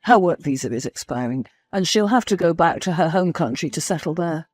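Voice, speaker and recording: A woman's voice: sits low, lively intonation, brisk, darkish tone, dry recording, soft background music. Evasive husband making defensive excuses, as a woman narrator puts him on, storybook reading. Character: flustered, evasive male schoolteacher husband.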